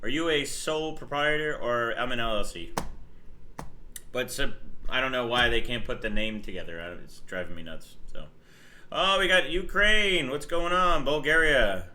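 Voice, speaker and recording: There's a little hiss or hum behind this livestream host from New Jersey, whose medium-pitched voice has a sharp tone and moves at a moderate pace. In a chatty, casual way he welcomes viewers and describes overclocking settings while working.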